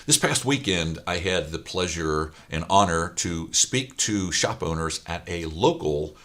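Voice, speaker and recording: A middle-aged business coach for auto repair shops, from Ohio, talks directly to camera, his voice hoarse and raspy after a weekend of speaking. He sits low in pitch and sounds animated, unhurried and a bit bright, emphatic and repetitive with plenty of fillers.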